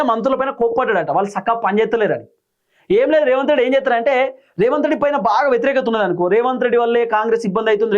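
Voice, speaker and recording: A man with a Telangana Telugu accent delivers solo political commentary in a fairly high voice. He talks very fast, piling up rhetorical questions and long lists of complaints. The recording sounds dull and lo-fi. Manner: rapid, rhetorical, listing grievances.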